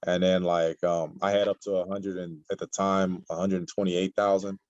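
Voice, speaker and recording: A man's voice: deep voice, level tone, moderate pace, a little mellow, no room sound, lo-fi sound. A man in his forties from Nigeria, a guest chatting casually in an interview, rambling with many fillers. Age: 40s.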